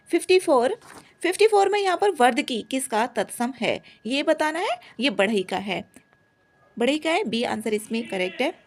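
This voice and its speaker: A young woman teacher walks through exam answers one by one in quick, repetitive explanations. Her voice sits high and moves a great deal. She keeps pressing on from one question to the next.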